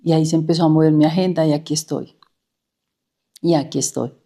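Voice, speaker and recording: A woman's voice: sits low, fairly even intonation, a little fast, dark tone. A middle-aged woman, a therapist telling her own story in an anecdotal way and repeating words for emphasis. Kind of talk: personal storytelling.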